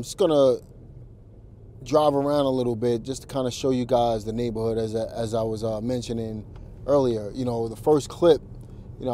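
Mellow-voiced man in a casual vlog. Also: mid-range voice. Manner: talks straight to viewers with many fillers and restarts. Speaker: real estate investor. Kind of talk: casual walk-through vlog. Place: outdoors at a house, then in a car.

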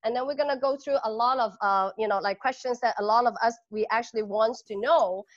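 A woman hosts an online panel in a loose, chatty way, with casual fillers. Her voice sits a little high. The sound is dull and lo-fi, as over a video call. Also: fairly quick. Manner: chatty, informal, with laughs. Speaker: host.

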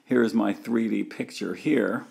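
Gravelly guy teaching engineering, slow and a bit husky, lots of ums. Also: lowish voice, darkish tone. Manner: thinks aloud with many fillers and restarts, walking through a diagram. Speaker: engineering lecturer. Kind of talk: recorded university lecture.

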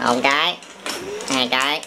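Speaking at a medium pitch and an unhurried pace, a man with a southern Vietnamese accent plays with toy bricks at a table in a room at home. He's the father on a family toy channel, chatting casually, teasing and often repeating short phrases. Noisy home camera audio picks up the clicking plastic.

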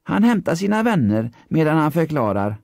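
A man narrating a children's story, expressive and storytelling. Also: a little high, vocal fry, no room sound, studio quality.

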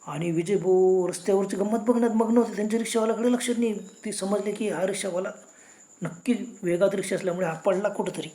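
A woman's voice: medium pitch, fast, dark tone, reverberant, a little hiss or hum. A woman narrating a horror story in a dramatic storytelling manner.

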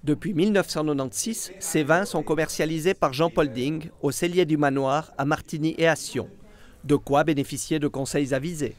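A man with a Swiss French accent reading the scripted narration of a TV report in an even, measured way. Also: a little high.

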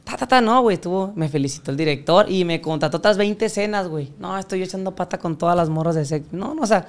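This young Mexican man, a podcast guest, speaks quickly in a voice that sits high. During the casual storytelling interview he recounts crude stories full of profanity, acting out the voices of the people he quotes.

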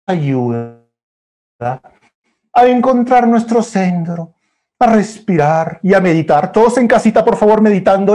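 Guy reading a kids story, super playful, acts out the feelings, mellow warm voice. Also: high voice. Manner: playful and animated, acting out emotions with exclamations. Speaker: children's storyteller.

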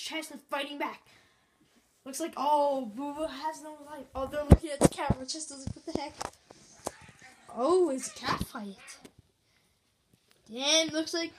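A woman giving excitable mock play-by-play commentary, swinging from low mutters to sudden yelps, filmed at home in a bedroom. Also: slight background noise. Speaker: channel host filming pets. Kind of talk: mock sports commentary on a cat fight.

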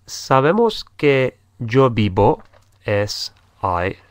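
Male tutor, middle pitch, unhurried, repeats every example. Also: very animated, no room sound. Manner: patient, repeats phrases and spells letters aloud. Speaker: English teacher. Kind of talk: slow spoken language lesson.

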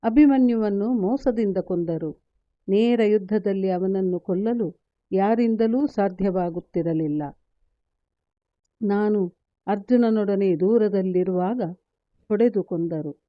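A woman voicing a calm divine male counselor from an epic, consoling in measured sentences. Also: mid-range voice, dry recording, dull audio, lightly acted.

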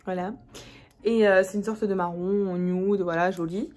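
A woman's voice: medium pitch, fairly even intonation, unhurried, a little mellow, faint music behind. Chatty young woman with a Marseille accent. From France. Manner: chatty, slangy, laughs often, drops into murmurs while applying makeup. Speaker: beauty vlogger. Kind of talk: casual makeup review chat.

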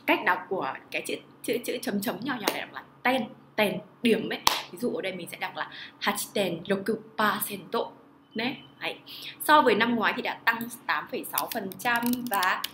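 A woman teaching a Japanese lesson online, talking in an animated way and asking rhetorical questions that she answers herself. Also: mid-range voice, roomy sound, noisy background. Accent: Vietnamese.

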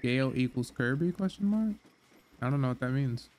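A man's voice: mid-range voice, lively intonation, brisk, darkish tone, a little hiss or hum. A man casually commenting as he plays a video game, chatty and reacting aloud. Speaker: gaming streamer. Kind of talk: casual let's-play commentary.

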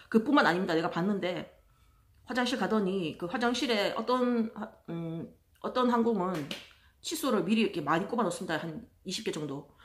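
A woman telling stories in a casual monologue, chatty and exasperated, acting out other people in loud voices. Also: mid-range voice. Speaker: vlogger.

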